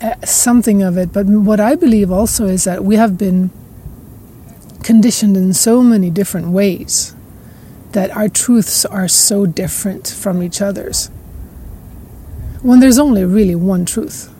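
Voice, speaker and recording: A woman hosts a podcast in a long, reflective spiritual monologue, her medium-pitched voice carrying a breathy edge. She muses slowly, with soft laughs and trailing repetitions.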